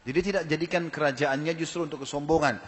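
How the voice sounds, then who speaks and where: A man's voice: on the high side, steady tone, fast talker. Emphatic male preacher in an echoing hall. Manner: emphatic, asks the audience rhetorical questions. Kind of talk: sermon.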